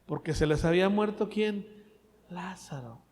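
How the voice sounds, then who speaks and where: A man preaching a sermon, asking the congregation questions and swinging between loud and soft. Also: high-pitched, unhurried, in a large hall. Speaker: pastor.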